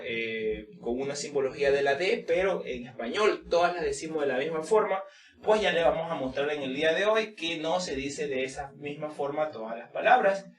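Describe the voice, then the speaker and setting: A man teaching English pronunciation in an informal lesson, explaining slowly with many fillers and repeating example words. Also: on the high side, roomy sound, recorded from a distance.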